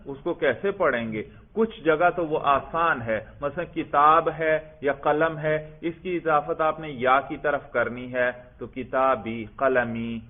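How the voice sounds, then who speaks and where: A man teaching a classroom grammar lesson who asks questions and answers them himself, and recites text in a chanting tone. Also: a little high. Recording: tinny phone-like lecture recording.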